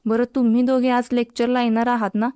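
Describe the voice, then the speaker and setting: A woman's voice: on the high side, flat delivery, a little fast, dark tone, smooth, no echo, clean studio sound, natural voice. A woman voicing a teasing, encouraging young male college student.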